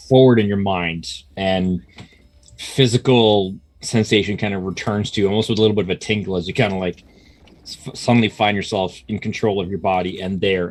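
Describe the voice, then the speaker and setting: Male game master, low voice, improvising narration in a loose, conversational, stop-and-start style. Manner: casual, halting, conversational.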